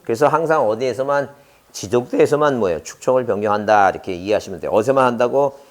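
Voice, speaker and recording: A middle-aged man talks fast at a medium pitch while delivering an exam-prep lecture. Lively and chanting mnemonics, he keeps quizzing his students with rhetorical questions and drilling memory tricks.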